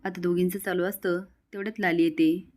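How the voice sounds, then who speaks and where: Woman narrating a show recap, lively storytelling. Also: fairly low pitch, brisk. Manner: lively retelling with quoted dialogue.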